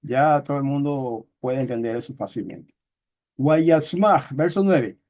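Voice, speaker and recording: A man teaching a Bible study, explaining words step by step and slowly reading out text in another tongue, with many fillers and checks on his listeners. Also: medium pitch, a little mellow. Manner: slow, careful reading of Hebrew text.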